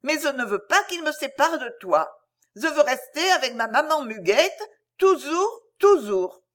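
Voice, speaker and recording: A woman's voice: high voice, very animated, unhurried, a bit bright, pitched above the performer's own voice, heavily acted. A woman playing Louise, a pleading little girl. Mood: coaxing. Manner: pleading, childish, sobbing insistence. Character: small clingy girl, passionate and stubborn.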